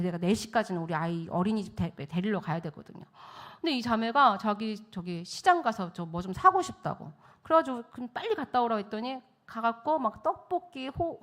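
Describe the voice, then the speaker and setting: A woman missionary giving a testimony sermon in a church, telling her story with animated storytelling and acting out the voices she quotes. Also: fairly high pitch. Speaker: missionary speaker.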